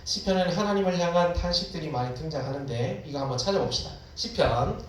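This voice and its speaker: A man's voice: fairly high pitch, expressive, fast, far from the mic, slight background noise. Echoey preacher man calling out to students. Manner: preaching to students, mixes casual and formal speech, cries out prayers dramatically. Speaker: pastor. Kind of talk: sermon.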